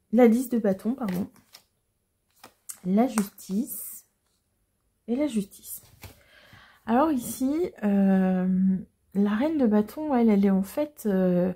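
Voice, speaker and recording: A woman giving a casual tarot reading to viewers, explaining the cards gently and hesitantly with frequent pauses. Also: medium pitch, husky. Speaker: tarot card reader.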